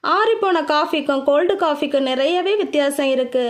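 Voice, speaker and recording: A woman voicing a sharp-tongued young woman who scolds and snaps in an audiobook. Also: sits high, brisk, natural voice. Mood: irritated. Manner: irritated, scolding.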